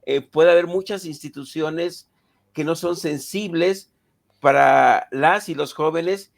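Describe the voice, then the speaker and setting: A man's voice: on the high side, takes it slowly, vocal fry. A man hosting a remote interview, reflective and hesitant, with frequent fillers. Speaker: host.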